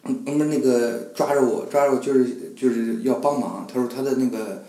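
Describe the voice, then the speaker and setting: 讲故事很生动的男人，声音偏暗. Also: male voice, mid-range voice, fairly quick, echoey room, rough recording. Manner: animated storyteller, acts out scenes with voices and sounds. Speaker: guest. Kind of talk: casual conversation.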